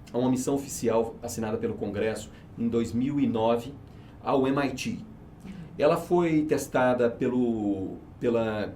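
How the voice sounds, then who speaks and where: This interview guest, a company's research and market manager, has a fairly low, mellow voice. He lays out his teaching method with emphatic persuasion, frequently asking himself rhetorical questions and then answering them, over slight background noise.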